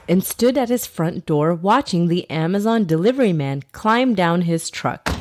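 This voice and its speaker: A woman hosting and narrating a children's story in an expressive fireside storytelling manner, speaking directly to young listeners. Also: fairly low pitch, a little hiss or hum. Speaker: podcast host and narrator.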